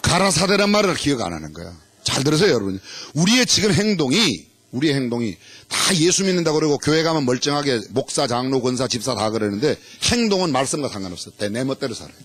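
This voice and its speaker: A man's voice: medium pitch, big pitch swings, fast talker, few pauses, a bit bright, breathy edge. A middle-aged male pastor preaching in a church, playfully leading the congregation through a game. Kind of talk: sermon. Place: church sanctuary.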